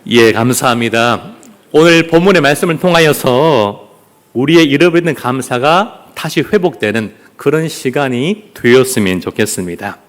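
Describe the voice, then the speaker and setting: A man's voice: medium pitch, lively intonation, normal speed. A male pastor preaching at a family worship service, playful and joking with the congregation as he leads them in clapping and greetings.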